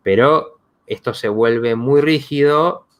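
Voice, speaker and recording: A man's voice: medium pitch, takes it slowly, fairly bright tone. A man, hosting a psychology live stream and talking in a reflective way with many fillers and restarts. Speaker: psychologist host.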